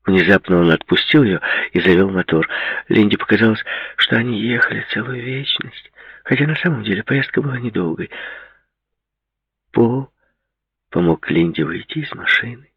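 A man narrating an audiobook in a measured, even reading. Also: lowish voice, breathy edge, no room sound, muffled recording. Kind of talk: scripted narration.

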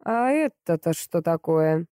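A gruff, growling boss, blunt and domineering, as a woman narrator puts him on. The voice is mellow and dark, dry and close to the mic. Audiobook character reading. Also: fairly low pitch, expressive, slow, no room sound. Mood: furious. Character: angry blunt rich man, domineering boss.

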